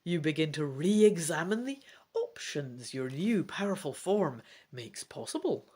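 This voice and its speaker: A woman reads a gamebook aloud with dramatic, theatrical expression, adding casual commentary as she plays. Her voice is low and slightly rough, and her pace measured.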